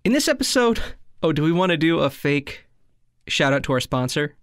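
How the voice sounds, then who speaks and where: Deadpan man in mock-meditation voice. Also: a little high, normal speed, clear, resonant tone, no echo, clean studio sound. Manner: deadpan, soothing parody, breaks into banter. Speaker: comedy podcast co-host.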